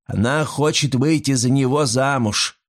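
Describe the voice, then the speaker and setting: A man's voice: medium pitch, measured pace, pitched above the performer's own voice, close to an everyday voice. A man voicing an outspoken old housemaid. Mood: protective. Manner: bold, pious exclamations. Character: old outspoken female housemaid, pious and loyal.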